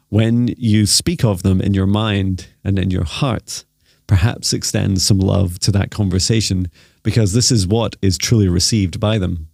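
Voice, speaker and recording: A man with a low voice and a creaky, gravelly edge speaks as a seance medium in trance. His phrasing is deliberate and measured, as in a guided spiritual channeling, and the sound is close and dry. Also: darkish tone, no room sound.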